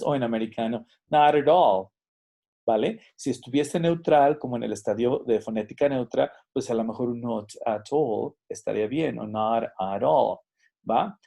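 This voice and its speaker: A man giving a recorded video lesson, explaining patiently and modeling English phrases with sudden jumps in pitch. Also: vocal fry, warm tone. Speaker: teacher.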